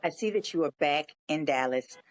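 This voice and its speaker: A podcast host conducts an interview, encouraging the guest and affirming them by echoing short agreements. The voice is medium-pitched at a moderate pace.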